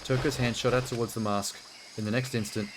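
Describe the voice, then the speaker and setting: A man's voice: mid-range voice, fairly even intonation, fairly quick, background noise. A man hosting a video game playthrough, giving casual, blunt and exasperated commentary and reading game text aloud. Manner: reacts exasperatedly, blunt asides. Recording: music behind the voice. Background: game music.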